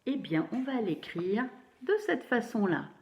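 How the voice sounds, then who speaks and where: A woman teacher giving a phonics lesson to young children, slowly spelling out syllables and praising them. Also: a little high, lively intonation, darkish tone. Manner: slow, encouraging, syllable by syllable. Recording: roomy, dull lo-fi sound.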